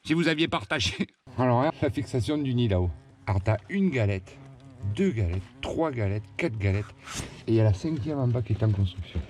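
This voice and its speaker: A man's voice: mid-range voice, lively intonation, a little fast, darkish tone. A man from France removing wasp and hornet nests outdoors, chatting casually and joking as he works, talking to the insects and the camera. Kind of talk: casual running commentary while working. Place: outdoors at a house.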